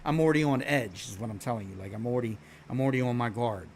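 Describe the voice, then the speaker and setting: He's a fast-talking streamer from Philadelphia with a mid-range voice, slight background noise audible. His storytelling to viewers is casual, blunt and profane, wandering with lots of restarts.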